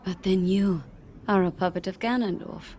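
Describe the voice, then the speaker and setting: An actress playing a gentle, perceptive, motherly queen in a video game cutscene, speaking softly and reassuringly. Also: mid-range voice, steady tone, normal speed, slight background noise, lightly acted. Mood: composed, knowing. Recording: orchestral game music behind the voice. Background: music.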